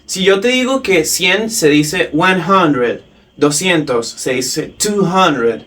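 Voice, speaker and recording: Slow, high-voiced man teaching a lesson. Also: expressive, pushed and bright, far from the mic. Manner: slow, careful drilled pronunciation of English words. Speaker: English teacher. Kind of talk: step-by-step language lesson.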